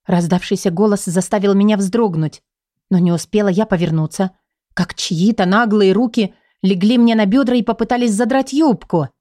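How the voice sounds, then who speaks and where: A woman narrating a first-person audiobook in an expressive, measured way. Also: mid-range voice, dry recording, studio quality.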